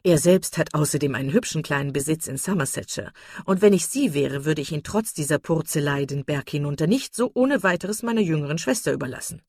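A woman reading the part of a hearty, blustering country squire, blunt and loud. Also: deep voice, animated, fairly quick, slightly rough, no room sound, clean studio sound, full character voice.

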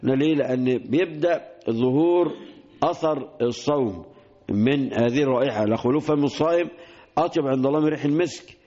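A man's voice: medium pitch, quick pace, warm tone, muffled recording. A man with an Egyptian accent teaching a religious lesson, repeating key phrases and mixing colloquial explanation with classical quotations. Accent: Egyptian Arabic. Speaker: sheikh teaching hadith.

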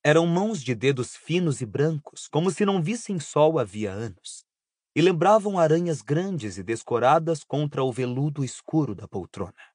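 A man narrating an audiobook in a steady, even storytelling voice. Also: a little high, moderate pace, no room sound, studio quality. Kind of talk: scripted narration.

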